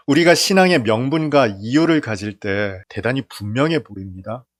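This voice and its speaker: A male pastor delivering a sermon, firing off strings of rhetorical questions and letting his sentence endings drop softly. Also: mid-range voice, no room sound, clean studio sound. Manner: preaches with rhetorical questions, lists, and trailing soft line endings.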